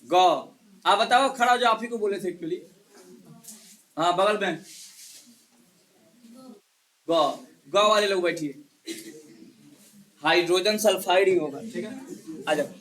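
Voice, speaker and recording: A male chemistry teacher in a live class, quizzing students one by one and hushing the noisy ones. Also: high voice, slow, pauses often. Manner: quizzes students one by one, scolds and hushes them. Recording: echoey classroom.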